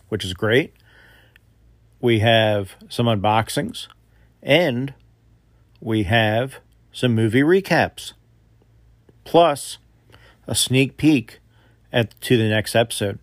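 A man hosts a homemade podcast in an informal, unscripted way. His voice sits at an ordinary middle pitch, and he talks plainly into a phone. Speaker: podcast host. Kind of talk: casual podcast talk.

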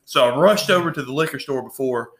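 A man's voice: mid-range voice, lively intonation. A man co-hosting a casual podcast, joking and telling stories with a laugh. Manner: joking, drawn-out storytelling with frequent laughs. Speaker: podcast co-host. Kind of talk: casual chat. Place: home, at his own home bar.

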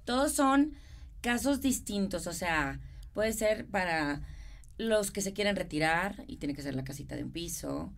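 With a mid-range voice and lively intonation, this middle-aged woman talks a little slowly. She is an interview guest, a real estate consultant and architect with a regio Monterrey accent from northern Mexico, chatting casually and explaining through colloquial examples.

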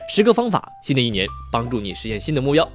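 A man's voice: medium pitch, sing-song, racing, faint music behind. A man hosting a show in a chatty, playful way, telling jokes and then giving advice to his listeners. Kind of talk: joke telling and advice talk.

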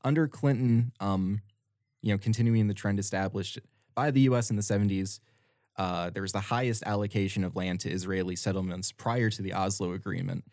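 Earnestly weighing in on politics, a young US man co-hosting a podcast often restarts thoughts by repeating words in this casual discussion. His voice is lowish and darkish in tone, a little fast, with fairly even intonation. The audio is studio quality, with no room sound.

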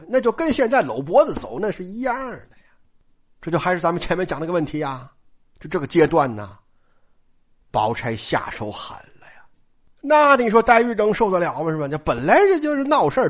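A woman storyteller retelling a classic novel in a chatty, colloquial way, often turning to address her listeners directly. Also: mid-range voice.

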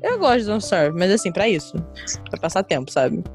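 A young adult woman with a Carioca accent from Rio, chatting casually about video games as a podcast co-host in an animated, slangy way. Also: mid-range voice, a little fast, faint music behind. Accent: Carioca (Rio de Janeiro) Brazilian Portuguese.

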